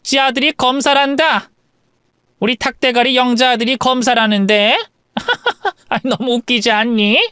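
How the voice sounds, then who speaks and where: Mocking woman bully voiced by a man, high voice, smooth, story radio drama. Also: fairly bright tone, dry recording, studio quality. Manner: mocking, cackling. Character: sneering rich middle-aged woman bully.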